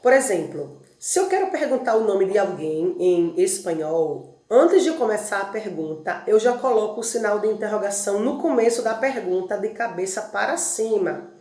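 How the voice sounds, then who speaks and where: A woman with a Brazilian Portuguese accent teaching a Spanish review lesson, drilling verb forms and lists slowly and checking in with rhetorical questions. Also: medium pitch, expressive, mellow, reverberant. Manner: explains patiently, asks rhetorical check-ins. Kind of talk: recorded classroom review lesson.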